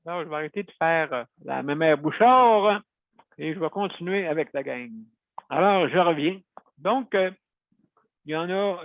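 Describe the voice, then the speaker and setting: A man's voice: a little high, no echo. A man hosting a show, telling a rambling, chatty story to his listeners and correcting himself as he goes. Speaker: host. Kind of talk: casual talk to listeners. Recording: tinny phone-like sound, dry.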